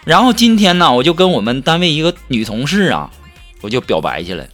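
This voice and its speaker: A man delivers a comic monologue, his high voice swinging widely in pitch. He tells his jokes in a chatty storytelling way. Music plays clearly behind him. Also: very animated, a little fast, a bit bright. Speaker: comedian.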